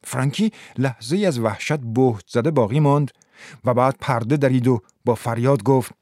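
A man narrating a literary story in a measured reading voice. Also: mid-range voice, darkish tone, no echo, studio quality.

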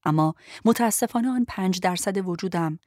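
A young woman narrating a first-person audiobook in a measured storytelling voice. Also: lowish voice, no echo. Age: young adult. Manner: measured, dry storytelling with sharp angry dialogue.

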